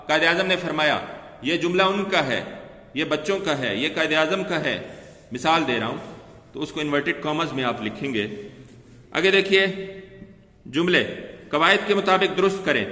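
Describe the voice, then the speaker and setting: A man's voice: on the high side, bright, forceful tone. A male Urdu teacher giving a classroom lecture, explaining step by step, repeating key terms and asking the class questions. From Pakistan. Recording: echoey room with long reverb.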